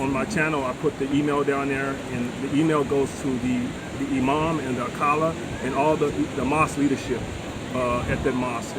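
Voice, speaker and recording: A middle-aged American man, a vlogger and retired military veteran, chats casually as an interview guest on an open-air beachside deck. His medium-pitched voice competes with loud wind and outdoor noise in a very noisy recording.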